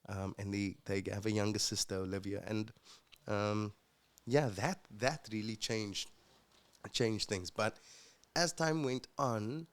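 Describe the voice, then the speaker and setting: A young man, a musician guest, telling his personal story in an earnest, reflective way with halting restarts. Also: lowish voice, clean tone. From South Africa.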